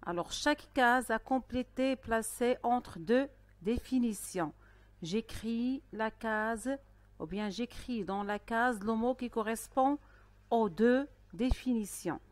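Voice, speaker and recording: Woman teacher for a primary school lesson, higher voice, very slow and careful, dry close sound. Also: no room sound. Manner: slow, careful dictation-style delivery with pauses. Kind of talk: recorded online lesson.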